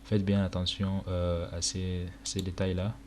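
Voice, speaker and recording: A young man from Chad, whose first language is Arabic, presents a screen-recorded tutorial walkthrough from an indoor room at his computer. His delivery is deep, flat, casual and halting, with many fillers, in a noisy home recording.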